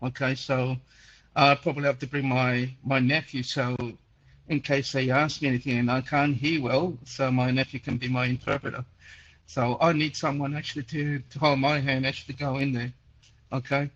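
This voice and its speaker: A Chilean man in his sixties, who says he's nearly deaf, hosts a casual call-in chat, rambling through listener questions with lots of fillers and repeated words. His mid-range, fairly bright voice is flat and at normal speed, with the highs cut off.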